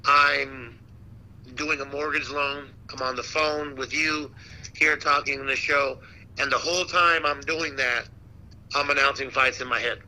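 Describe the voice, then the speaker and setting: A man who works as a ring announcer, chatting casually as an interview guest and telling stories in a slangy, animated way. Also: medium pitch, a little slow, rough recording. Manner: slangy, animated storytelling with repeated "man" and "dude". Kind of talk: casual chat.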